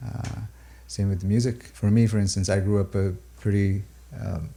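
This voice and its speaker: In a reflective interview, a man with a low, mellow, gravelly voice speaks slowly and steadily about his music. A native Urdu speaker from Pakistan and the UAE, he is thoughtful and halting, pausing, using many fillers, and restarting often as he thinks aloud.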